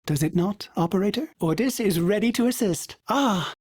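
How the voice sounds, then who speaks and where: Animated and at a moderate pace, a darkish, husky voice plays a courteous, fussy male starship AI speaking of himself in the third person. The performer's game lines pass through a glitchy synthetic filter, mixing dry wit and wistfulness with sudden pitch jumps. There's no echo.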